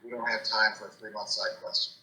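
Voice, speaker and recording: A man's voice: fairly low pitch, flat delivery, brisk, pushed and bright, reverberant, rough recording. A man playing a tabletop game, talking bluntly and insistently. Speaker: player. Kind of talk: casual tabletop game talk.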